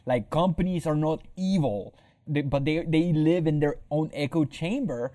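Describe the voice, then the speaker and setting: A young adult man hosting a casual interview, talking in a relaxed, conversational way. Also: a little high, normal speed. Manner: relaxed, conversational, repeats words. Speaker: podcast host.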